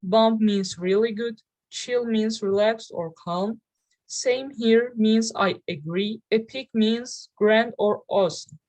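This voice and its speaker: A young woman with a Turkish accent teaching English in a slow, careful lesson, pausing often and using fillers. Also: on the high side, a little mellow, rough recording. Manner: slow, deliberate, with pauses and fillers. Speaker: English learning video host.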